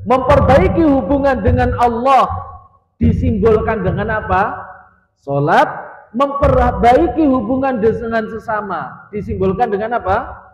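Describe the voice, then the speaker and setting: A high-pitched man delivers a mosque lecture in a question-and-answer rhythm. He poses questions to his listeners and answers them himself, with a joke now and then. The sound is dull and rings with long hall echo. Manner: mixes in Javanese words and light jokes. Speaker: ustadz teaching tafsir.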